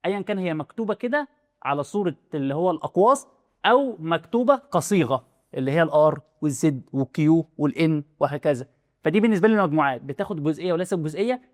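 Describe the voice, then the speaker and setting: Rapid-fire Egyptian math teacher. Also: male voice, fairly high pitch, dry recording, studio quality. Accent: Egyptian Arabic. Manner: rapid, chatty, asks the student rhetorical questions. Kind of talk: casual classroom explanation.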